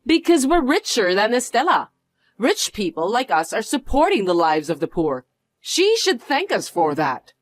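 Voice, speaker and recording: A woman's voice: a little high, very animated, moderate pace, no room sound. A woman playing a snobbish rich woman who talks down to others with a condescending, sneering manner in a dubbed drama. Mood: dismissive.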